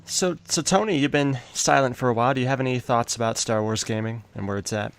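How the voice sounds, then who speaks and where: A man hosting a casual podcast, steering the panel with an easygoing, halting manner. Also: mid-range voice, slight background noise. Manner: easygoing, leads the talk, hesitant fillers. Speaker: podcast host. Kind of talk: casual chat.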